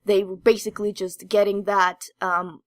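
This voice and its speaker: A woman co-hosting a podcast rambles hesitantly through casual game chat. Her mid-range voice barely moves in pitch, she speaks at a normal speed, and the audio has no echo.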